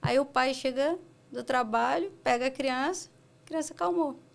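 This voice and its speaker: A woman pediatrician with a Brazilian accent, explaining calmly in a casual interview and acting out parents in quick asides. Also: sits high, creaky. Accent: Brazilian Portuguese. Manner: animated, acts out parents and children in quick asides. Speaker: pediatrician guest.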